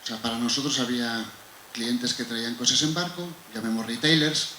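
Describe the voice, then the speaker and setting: Responding to a conference panel question, a Spanish man speaks in a discursive, conversational way, sprinkling in rhetorical asides. His Spanish-accented voice is medium-pitched, steady and sharp at a normal speed, recorded in an echoey room with faint noise.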